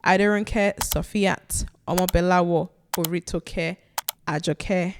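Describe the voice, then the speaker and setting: A woman's voice: lowish voice, fairly even intonation, slow pace, slight background noise. A young woman from Nigeria hosting a solo podcast, chatting casually with playful, self-teasing asides. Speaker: podcast host.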